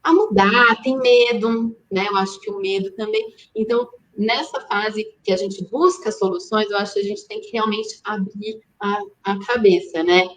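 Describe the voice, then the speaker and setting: A woman's voice: medium pitch, lively intonation, moderate pace, few pauses, poor audio. Chatty woman designer. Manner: conversational, with frequent tag questions. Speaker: graphic designer, host. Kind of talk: casual live-stream chat.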